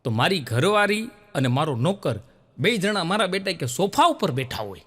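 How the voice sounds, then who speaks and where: A man voicing a fed-up middle-aged husband in a joke, complaining in a deadpan way. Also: high voice, moderate pace, long reverb tail, exaggerated voice. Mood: grumbling.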